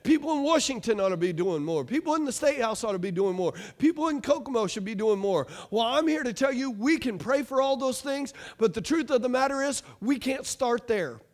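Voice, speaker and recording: Male pastor, 30s, very high voice, energetic stage preaching. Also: fairly quick, few pauses. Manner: animated, call-and-response preaching, pacing the stage. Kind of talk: sermon. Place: church stage, large room.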